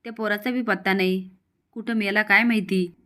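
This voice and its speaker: A woman's voice: medium pitch, fairly even intonation, moderate pace, pushed and bright, smooth, natural voice. A woman voicing a fearful old village grandmother who pleads and warns urgently. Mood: urgent pleading.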